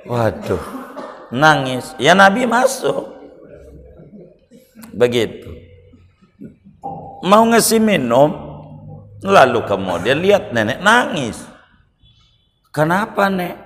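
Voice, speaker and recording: A male Islamic preacher, telling a story in a sermon with jokey asides and sudden loud bursts. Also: medium pitch, sing-song, slow, long pauses. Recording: reverberant hall.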